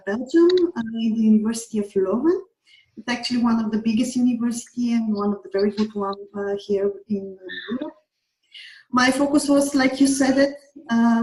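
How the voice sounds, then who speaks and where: A woman from Bulgaria explains science patiently, one step at a time, with a slightly high voice. She speaks over a video call, and the room sounds roomy and echoing around her. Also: darkish tone. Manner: earnest, explains step by step with many fillers. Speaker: guest researcher. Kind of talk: explanatory interview talk.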